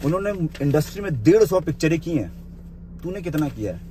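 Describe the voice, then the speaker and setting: High-voiced man delivering a scolding rant. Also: very animated, fairly quick, mellow, slight background noise. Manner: scolding, addresses the listener with the blunt informal 'you'; point-by-point rebuttal. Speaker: vlogger responding to a rival's live video. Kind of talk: confrontational rant to camera.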